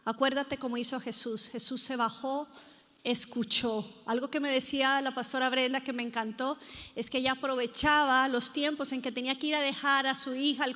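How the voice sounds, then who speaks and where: High-voiced woman preaching in an echoey hall. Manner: lively storytelling, acting out quoted people. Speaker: pastor. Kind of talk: sermon. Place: conference hall before a live audience.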